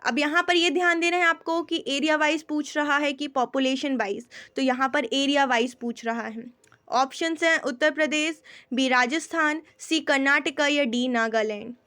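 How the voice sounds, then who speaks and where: A high, bright voice with a pushed quality belongs to an Indian-accented quiz teacher explaining answers to general knowledge questions. She mixes Hindi and English, takes her time reading each question, and repeatedly checks that students are with her.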